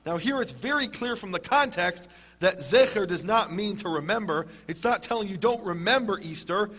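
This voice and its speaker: A man with a rather high voice lectures a live audience on scripture. He mixes dry jokes into the teaching and slows right down on the words that matter most. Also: fairly bright tone. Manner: wry, dry humor, emphatic on key words.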